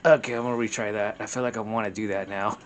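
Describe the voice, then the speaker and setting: A man's voice: fairly low pitch, fairly even intonation, quick pace. A man chatting casually while playing a co-op video game, laid-back, chuckling, often trailing off mid-sentence. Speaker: co-op game player. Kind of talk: casual gameplay chat.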